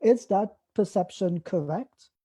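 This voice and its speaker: A woman's voice: mid-range voice, slow, warm tone, husky. A woman interviewing a guest, answering attentively with brief replies and asking questions.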